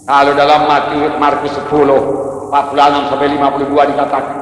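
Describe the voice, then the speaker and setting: A man's voice: fairly high pitch, monotone, quick pace. A man preaching a sermon as a pastor, emphatic and repeating key phrases. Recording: echoey hall with long reverb.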